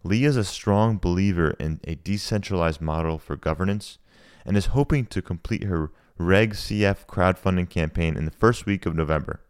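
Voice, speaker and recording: Male podcast host with a deep voice and a dry, close sound; upbeat and conversational. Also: moderate pace, hardly any pauses, clean tone, dry recording. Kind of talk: podcast interview.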